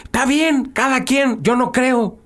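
A man's voice: very high-pitched, steady tone, measured pace, fairly bright tone. A man with a Mexican accent co-hosting a casual comedy chat, mocking and slangy in his talk. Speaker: podcast co-host.

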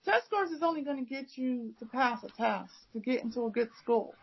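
An American woman who teaches English chats casually in a fairly high, animated, creaky voice, talking briskly over music. She rambles, filling her speech with fillers and restarts. The lo-fi recording sounds dull.

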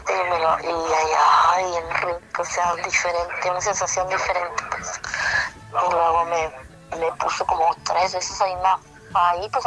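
A woman with a Mexican accent telling an intimate first-person story over a phone call, halting and sighing, with many restarts. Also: lowish voice, sharp tone. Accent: Mexican Spanish. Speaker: caller telling her story.

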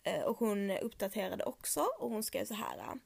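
Outspoken Swedish woman, gravelly voice. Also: medium pitch, lively intonation, a little mellow. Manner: outspoken, swears freely, mixes in English slang. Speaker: podcast host. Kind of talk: casual chat reading listener messages.

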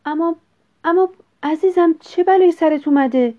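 A woman's voice: extremely high pitch, pitched above the performer's own voice. A woman reading aloud, voicing a worried, fussy mother. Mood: alarmed. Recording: dull lo-fi recording.

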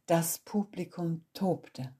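A woman calmly reading a children's story aloud as the storyteller, in a measured storybook manner. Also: on the low side, breathy edge.

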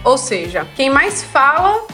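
High-voiced young Brazilian woman hosting. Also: sing-song, takes it slowly, pushed and bright, faint music behind. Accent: Brazilian Portuguese. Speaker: talk show host. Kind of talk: casual presenting and chat.

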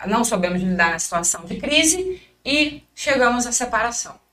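Woman fighter, interview guest; high, bright voice, animated storyteller who acts out quotes. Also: fairly quick.

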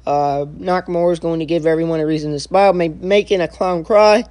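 A young man giving a casual spoken review, halting and full of filler sounds and restarts. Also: fairly high pitch, steady tone, darkish tone, smooth. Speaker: wrestling show reviewer.

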